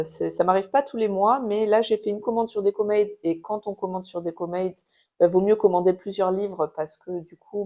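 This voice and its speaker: A woman's voice: medium pitch, a little mellow. French woman, thirties, casual home haul chat, hesitant and filler-heavy. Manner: chatty, many fillers and restarts. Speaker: craft YouTuber showing purchases. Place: home with a baby nearby.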